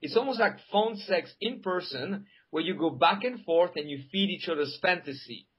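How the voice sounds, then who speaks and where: Husky higher-voiced man telling stories. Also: moderate pace. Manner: animated, acts out quotes in voices. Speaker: dating coach. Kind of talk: interview storytelling. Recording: dull lo-fi recording.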